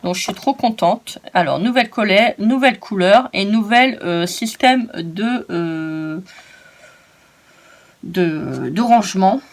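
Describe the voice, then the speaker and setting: A woman's voice: mid-range voice, lively intonation, slow pace. Jokey female haul vlogger, talks in a mid-range voice, over a noisy home recording. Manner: chatty and playful, often scolds herself jokingly. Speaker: craft shopping-haul vlogger. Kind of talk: casual chat showing purchases.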